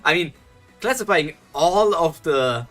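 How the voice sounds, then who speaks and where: Animated but unhurried, this young German's voice runs on the high side with a fairly bright tone, faint music behind it. He's a live webtoon streamer with a German accent, chatting casually, thinking out loud, restarting and chuckling, and fielding his chat.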